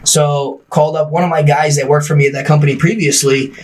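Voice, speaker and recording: A man's voice: fairly high pitch, recorded from a distance. A man in his thirties, a podcast guest, telling his story casually and acting out the dialogue. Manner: fast, animated, acts out dialogue, swears casually. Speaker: podcast guest, gym owner.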